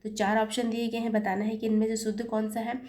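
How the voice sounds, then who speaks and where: A woman's voice: a little high, little pitch movement, quick pace, darkish tone. A woman teaching an exam-prep lesson, patiently spelling out corrections step by step and correcting her own slips as she goes. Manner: self-correcting, apologizes for slips. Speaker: Hindi teacher.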